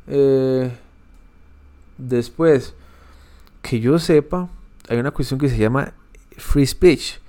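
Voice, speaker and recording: Male podcast host, gravelly voice, opinionated and measured solo commentary. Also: mid-range voice, dark tone. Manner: opinionated, measured, frequent fillers and restarts.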